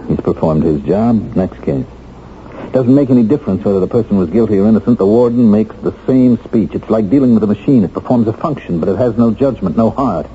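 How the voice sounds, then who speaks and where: On a dull vintage radio recording with music, an American actor voices a bitter middle-aged ex-convict, newly released and determined, in 1970s radio drama style. His delivery is earnest, emphatic and natural, a little fast, with fairly low pitch and slight background noise.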